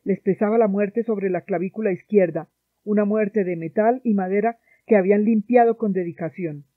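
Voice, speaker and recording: A woman from Colombia reading a novel aloud in a measured, sombre narration, heard through a dry, tinny phone-like sound. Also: medium pitch, dry recording. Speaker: audiobook reader. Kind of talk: literary narration.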